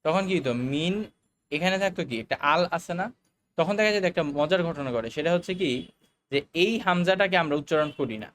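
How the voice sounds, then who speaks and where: A man teaching a recorded Arabic lesson, explaining the grammar slowly, with fillers and English words mixed in. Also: fairly high pitch, fairly bright tone, a little hiss or hum.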